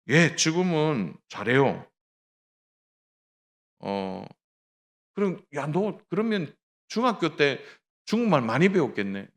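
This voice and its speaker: Korean man preaching with lively pitch. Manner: tells a story with acted dialogue, addresses the congregation directly. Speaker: pastor. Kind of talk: sermon.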